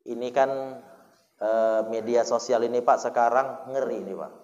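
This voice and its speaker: A man's voice: mid-range voice, steady tone, moderate pace, a little mellow. A man giving a colloquial sermon, telling jokey stories and addressing listeners directly. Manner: jokey, acts out dialogue in anecdotes. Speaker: preacher. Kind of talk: sermon with storytelling. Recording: dull echoey hall sound.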